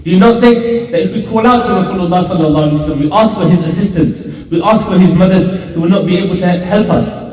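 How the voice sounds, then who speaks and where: A man's voice: high voice, fast talker, hardly any pauses, darkish tone. A man giving a Friday sermon as imam, emphatic and repeating phrases for stress, in a mosque prayer hall. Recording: echoey hall from far off.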